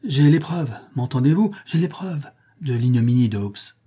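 A man's voice: medium pitch, animated, moderate pace, mellow, breathy edge. A man reading a scheming, sneering factory boss. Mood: insistent. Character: scheming greedy male meat-packer, middle-aged.

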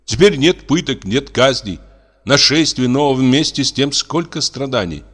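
A man's voice: medium pitch, expressive, a little slow, fairly bright tone. A man reading a play aloud, voicing an idealistic young baron who speaks earnestly.

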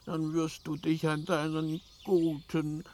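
A man's voice: fairly high pitch, monotone, takes it slowly, darkish tone. An actor playing Mime's kind of figure in a fantasy radio play: a scheming older foster father who talks in a wheedling, ominous, theatrical way. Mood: wheedling, hurt. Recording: radio play with music underneath.

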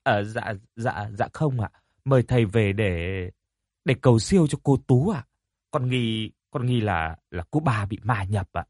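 A man voicing a timid female servant who stammers and pleads in a hushed voice. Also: on the low side, expressive, a little slow, no room sound, studio quality. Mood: timid pleading. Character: timid frightened female servant, middle-aged.

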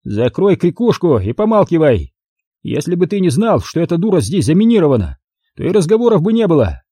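A man's voice: fairly high pitch, big pitch swings, a little fast, dark tone, no echo, studio quality, pitched above the performer's own voice, exaggerated voice. Man voicing a sneering young thug. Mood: threatening. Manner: rough, sneering commands. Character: young male thug, coarse, mocking and menacing.

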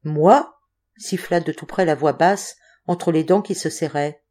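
A woman reading a stern, hushed fisherwoman. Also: measured pace. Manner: low, hushed, tense. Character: stern, rough middle-aged seaside woman, tender.

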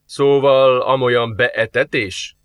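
A man's voice: mid-range voice, fairly even intonation, clear, resonant tone, no room sound, lightly acted. A man playing a curt suspicious demon. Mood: sarcastic. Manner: curt, sarcastic, wary. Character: gruff suspicious male demon. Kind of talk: audiobook character voice.

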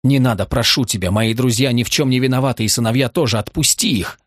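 A man's voice: mid-range voice, quick pace, no echo, lightly acted. A man voicing a desperate young woman who pleads urgently for her friends, in a dry audiobook recording. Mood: pleading.

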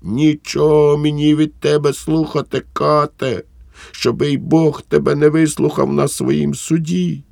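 A man reading aloud and voicing a furious, grieving mother who shrieks curses in a high, loud voice. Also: takes it slowly, no room sound, studio quality. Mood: shrieking rage. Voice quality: shrill, shrieking.

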